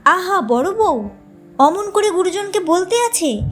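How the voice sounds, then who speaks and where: Woman doing a soft-spoken father past fifty, gentle, mildly reproachful, high voice. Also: expressive, slow, soft background music, exaggerated voice. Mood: soothing.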